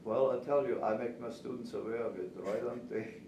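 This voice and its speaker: A native German-speaking man in his seventies, with an Austrian accent, answers interview questions casually as an experienced pastry chef and cake instructor. His mid-range voice has a dark tone and runs a little fast. The audio is distant, roomy and noisy.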